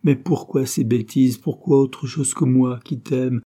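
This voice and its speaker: A desperate young woman in love, pleading and urgent, as a man raises his voice to play her. She speaks in a higher, strained tone, with a husky edge and a mellow, dark warmth. This is a literary audiobook reading. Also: fairly even intonation, unhurried, lightly acted. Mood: pleading passionately.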